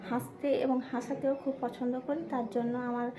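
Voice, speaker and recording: A woman from hosts a casual makeup tutorial vlog at home, speaking softly on purpose. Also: on the high side, flat delivery, fairly quick, a crowd in the background. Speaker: vlogger.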